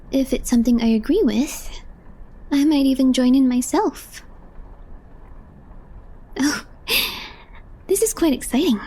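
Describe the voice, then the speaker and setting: In an ASMR roleplay, a woman plays a young office coworker who is calm, deadpan and quietly mischievous, speaking in a soft, breathy hush with an understated delivery. Her voice is high, and the recording quality is low.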